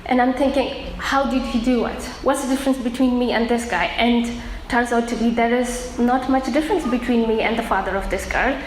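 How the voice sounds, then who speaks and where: A woman from Afghanistan giving an earnest personal testimony, pausing often with fillers. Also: a little high, steady tone. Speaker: testimony speaker. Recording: echoey room with faint noise.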